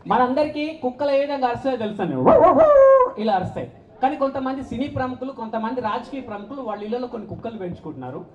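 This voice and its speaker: A man performing stand-up comedy, telling jokes in an animated storytelling manner. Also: very high-pitched, very fast, slight background noise. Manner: animated storytelling with voices and dog-bark impressions. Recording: echoey hall, muffled audio.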